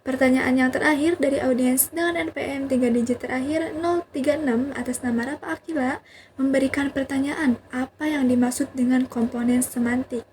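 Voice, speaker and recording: A young woman with a high voice moderates a student presentation, speaking in a polite, formal way. A faint noise sits under her voice. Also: steady tone, fairly quick, darkish tone. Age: young adult. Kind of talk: moderating a class discussion.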